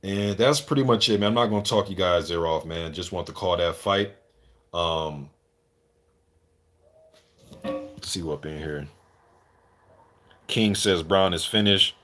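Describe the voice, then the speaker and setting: A man's voice: low voice, unhurried, pauses often, fairly bright tone. A man hosting a live boxing commentary stream, chatting casually with viewers in slangy, informal talk with some swearing. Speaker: livestream host and boxing commentator.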